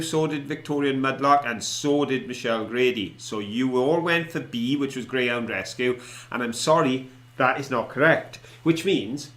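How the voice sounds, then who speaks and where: A man's voice: mid-range voice, fairly bright tone. A middle-aged man with a South Wales Valleys accent, co-hosting an online show and chatting casually to viewers. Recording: roomy, echoey indoor sound.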